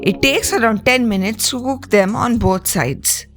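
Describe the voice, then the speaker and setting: A woman from India, reading calm, step-by-step recipe instructions in a scripted voice-over. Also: fairly high pitch, unhurried. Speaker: cooking channel host. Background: clear background music.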